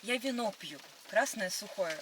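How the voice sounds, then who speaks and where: A woman's voice: mid-range voice, lively intonation, moderate pace, a loud crowd. A woman in casual date banter, answering in a dry, teasing and firmly polite way. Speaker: date in a prank video.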